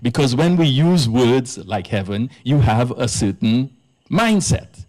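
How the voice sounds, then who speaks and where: A man's voice: mid-range voice, big pitch swings, measured pace, a little mellow. A man from Trinidad, a priest giving an earnest public lecture at a live event in an arts centre, stressing his key words.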